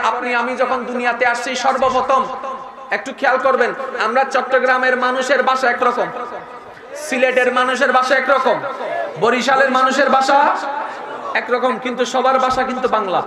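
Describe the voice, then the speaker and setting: Preacher guy shouting a sermon, really high voice, echoey with a loud crowd behind. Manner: chanting, calls to crowd, shouts.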